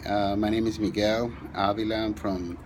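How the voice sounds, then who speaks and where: A middle-aged man from Peru, telling his own story in a halting way with many pauses and restarts. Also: fairly low pitch, little pitch movement, a little mellow, a little hiss or hum. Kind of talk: personal testimony.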